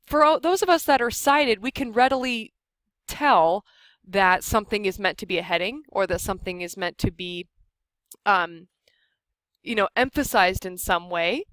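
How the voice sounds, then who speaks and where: An American woman instructs a workshop at a medium pitch. She explains software in an informal, conversational manner. The sound is dry, with very little room in it. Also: dry recording, rough recording. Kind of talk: informal software tutorial for a live group.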